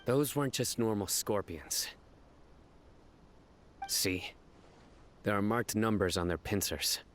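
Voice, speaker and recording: Stern young desert enforcer for an anime game: low-pitched, measured, vigilant, with faint noise behind. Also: male voice, animated. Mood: grave. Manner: serious, measured, guarded. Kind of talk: anime-style video game voice acting.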